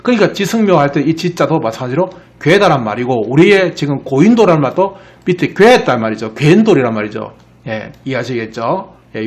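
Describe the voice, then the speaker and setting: Male lecturer, Gyeongsang accent, fairly high voice with swooping intonation, keeps asking "right?". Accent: Gyeongsang Korean. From Gyeongsang region of Korea. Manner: explains with frequent rhetorical questions. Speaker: etymology lecturer. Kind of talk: lecture over slides.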